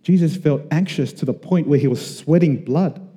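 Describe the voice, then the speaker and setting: A man from Australia preaches in an earnest, conversational way, slowing for emphatic pauses. His voice is very dark and mellow. The sound rings with the long reverb of a church hall. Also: on the high side. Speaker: pastor. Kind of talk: sermon.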